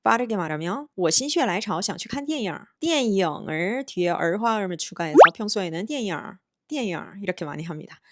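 Lively woman teaching phrases. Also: lowish voice, no echo, studio quality. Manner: lively, demonstrates Chinese phrases slowly and emphatically. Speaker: Chinese language teacher. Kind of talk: casual spoken lesson.

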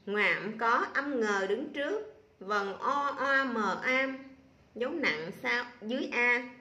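A woman teacher leads young children through a reading lesson, drawing out each sound and syllable very slowly. Her voice is bright and sits a little high. The room around her is echoey. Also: lively intonation. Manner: slow, drawn-out spelling aloud of sounds and syllables. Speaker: primary school teacher.

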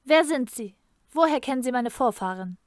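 A woman's voice: on the high side, moderate pace, darkish tone, no room sound, studio quality, close to an everyday voice. A woman reading aloud and voicing a proud, defiant mother who is a guardian, firm in her answers.

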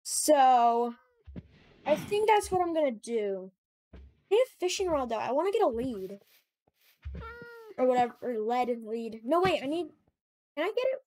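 A woman giving casual, excitable commentary while playing a game, chatting to her animals as she goes. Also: high voice, normal speed, pauses often, no room sound. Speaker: gamer.

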